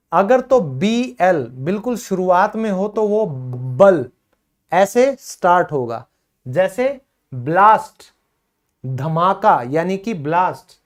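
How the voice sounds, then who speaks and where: A man teaching an English pronunciation lesson, repeating words emphatically to drill them. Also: high voice.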